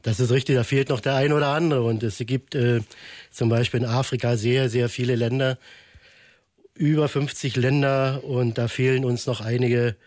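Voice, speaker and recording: An earnest man from Berlin talking as a guest in a radio studio. His voice is at an average male pitch and sounds dry and close, with no room echo. He is thoughtful and pauses to find his words. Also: steady tone, a little mellow. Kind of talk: radio interview answers.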